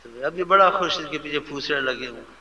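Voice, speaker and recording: A man preaching a devotional sermon with fervent, animated delivery, sometimes mimicking how people speak to others. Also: on the high side. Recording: lo-fi recording with faint ambience.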